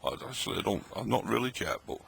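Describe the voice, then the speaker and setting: A fast-talking middle-aged man with a fairly low, creaky, very animated voice chats and cracks jokes while tasting old tinned food late at night at his table. The casual vlog talk rambles along as he eats, with a little hiss or hum in the recording.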